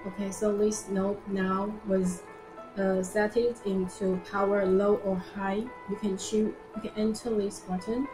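In an echoey indoor showroom with music playing, a young woman gives an informal live product demonstration. Her voice is medium-pitched, and her non-native English is simple and halting, with phrases repeated.

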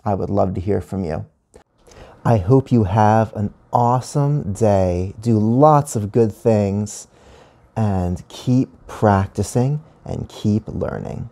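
A male teacher reading his own children's story aloud in an animated, friendly storytelling manner. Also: fairly low pitch, slow pace.

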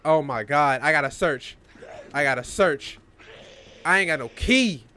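A young man giving profane, excitable let's-play commentary while talking back to the game's characters. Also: fairly high pitch, measured pace. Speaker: gamer playing a horror game.

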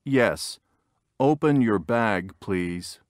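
A man acting a polite security officer in a textbook listening dialogue, speaking formally and clearly enunciated. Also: lowish voice, animated, drawn-out words, no echo, clean studio sound. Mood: firm polite.

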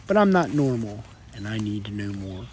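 A man's voice: fairly low pitch, very animated, moderate pace, a little mellow, a little hiss or hum. A man, narrating his exploration of old ruins in an earnest, reflective way. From northern Delaware. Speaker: restoration vlogger. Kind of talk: documentary narration.

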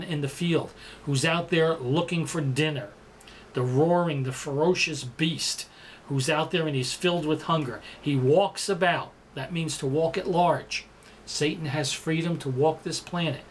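A man's voice: a little high, a little hiss or hum. A man preaching a sermon, explaining words and repeating the verse for emphasis. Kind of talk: sermon teaching.

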